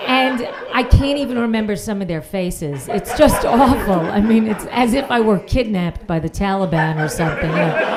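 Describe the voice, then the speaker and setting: A woman from Queens doing a dry, self-mocking stand-up set on a comedy panel show. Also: mid-range voice. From Queens, New York. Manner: dry, self-mocking, reads messages aloud with sarcasm. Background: audience laughter.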